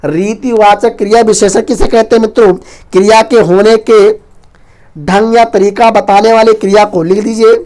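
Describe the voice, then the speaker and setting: Man, Hindi teacher, online exam-prep lesson, rapid-fire, loud near-shouting delivery. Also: high-pitched, fairly even intonation. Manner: keeps addressing viewers as friends.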